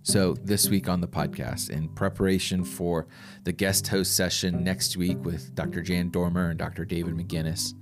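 A man's voice: low voice, steady tone, normal speed, hardly any pauses, over music. An American man hosting a conversational podcast interview, phrasing his thoughts in a hesitant, thoughtful way. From rural Indiana, USA. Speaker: podcast host, communication professor.

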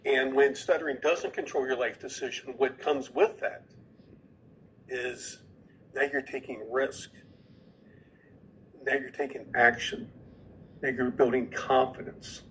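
A man's voice: mid-range voice, fairly even intonation, a little slow, pauses often, a bit bright, a little hiss or hum, poor audio. A man who is a podcast guest, earnestly explaining an idea and often repeating words as he goes.

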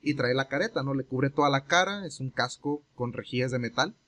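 A man's voice: medium pitch, fairly quick. A young Mexican man telling a long story in a casual chat, rambling and acting out the voices of the people in it. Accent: Mexican Spanish. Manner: relaxed, rambling, acts out quoted exchanges.

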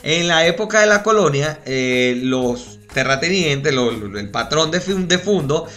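A man's voice: a little high, lively intonation, unhurried, a bit bright, faint music behind. A Venezuelan man with a Venezuelan Spanish accent, co-hosting a casual chat, joking, swearing freely and telling anecdotes. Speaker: podcast co-host. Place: living in Chile.

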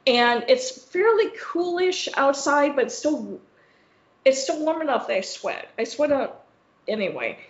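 Woman co-host, rambling and foul-mouthed storyteller, higher voice, muffled lo-fi sound. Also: very animated, a little slow. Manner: rambling, profane storytelling with many "like" fillers. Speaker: podcast co-host. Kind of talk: casual chat. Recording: echoey room, dull lo-fi sound.

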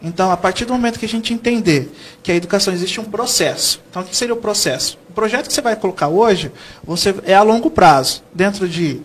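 This guest educator on a TV interview has a high voice and talks fast. He's a Brazilian man from São Paulo state who explains things earnestly, frequently posing questions and then answering them.

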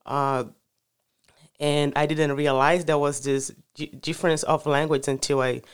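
Speaking as a guest in a casual interview, this man from Brazil, a native Portuguese speaker, hesitates often, hunting for words and leaning on fillers. His smooth voice is slightly high with a level tone.

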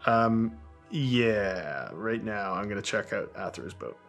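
A man's voice: lowish voice, animated, takes it slowly, gravelly, a bit bright, faint music behind. A man playing a character in a tabletop game, hesitant and laughing between his words. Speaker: player. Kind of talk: tabletop role-play chat.

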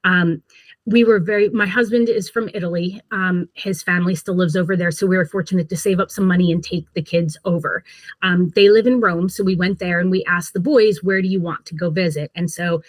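A woman's voice: lowish voice, fairly even intonation, brisk, dry recording. A woman in her forties, a podcast guest, telling a candid and self-deprecating story about her family.

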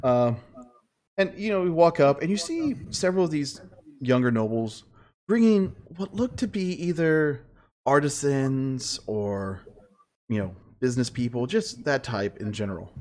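A man narrating a tabletop game as game master, in a halting, conversational, improvised way. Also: medium pitch, animated, darkish tone. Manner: halting, conversational, laughs readily.

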